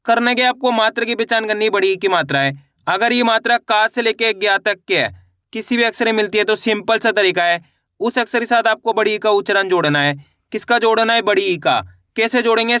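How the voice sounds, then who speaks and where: A young male teacher running an online Hindi reading lesson, quizzing the listener and answering himself as he stretches out each vowel. His voice is high, bright and very clear. The recording is dry and close. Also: no room sound. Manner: repetitive teacherly questions and answers, drawn-out vowels.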